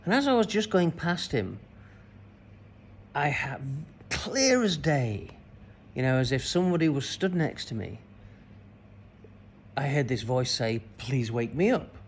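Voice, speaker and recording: A man's voice: a little high, sing-song, measured pace, long pauses, a little hiss or hum. A man, a spiritual coach, recounting a childhood memory in a loose, rambling way full of fillers. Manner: rambling, many fillers and restarts. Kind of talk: personal story told to camera.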